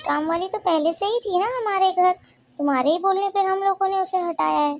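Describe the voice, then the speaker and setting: A woman's voice: very high voice, fairly quick. A woman voicing a well-meaning, fussing middle-aged mother-in-law in a cartoon story, scolding in a plaintive, pleading way.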